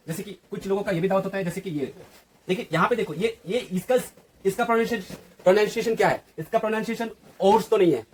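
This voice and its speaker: A man's voice: sits high, slight background noise. A man teaching an English grammar lesson who keeps asking the viewer questions and answering them himself. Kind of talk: classroom-style lesson.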